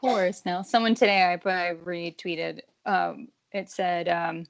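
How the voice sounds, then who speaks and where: A woman chatting casually as a podcast guest. She talks with animated, giggly energy and often restarts her words. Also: on the low side, takes it slowly, vocal fry. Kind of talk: casual chat.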